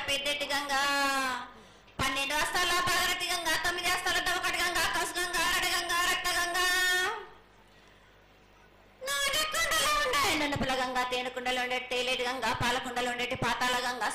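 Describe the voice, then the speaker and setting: Very high-pitched woman oracle chanting. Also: lively intonation, a little fast. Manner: oracle-like incantation, speaking as the goddess. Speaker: oracle delivering annual festival prophecy. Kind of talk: ritual oracle chant and pronouncement. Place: crowded temple festival in Secunderabad. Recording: noisy, echoing live festival recording.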